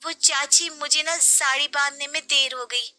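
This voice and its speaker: A woman's voice: high-pitched, steady tone, normal speed, bright, forceful tone, voice pushed up. A woman voicing a polite, eager young newlywed bride.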